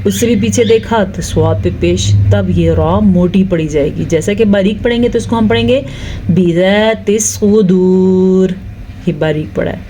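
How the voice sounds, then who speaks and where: A woman teaching Quran recitation rules, explaining slowly, reciting drawn-out examples and asking if the point is clear. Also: mid-range voice, mellow, slight background noise. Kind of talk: tajweed lesson with recitation.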